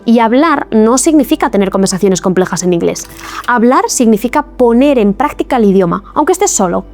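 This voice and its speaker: A fairly high-voiced woman teaches in a scripted video lesson, explaining each step clearly and with encouragement. Soft music plays faintly beneath her voice. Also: expressive, fairly quick. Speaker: English teacher.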